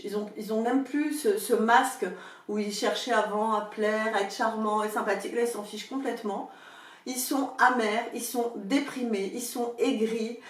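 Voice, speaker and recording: Femme conteuse vivante, pièce résonnante. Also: female voice, a little high. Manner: lively storytelling, acts out quoted voices. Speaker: coach and therapist. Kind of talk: casual advice talk to camera. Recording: echoey room, voice from a distance.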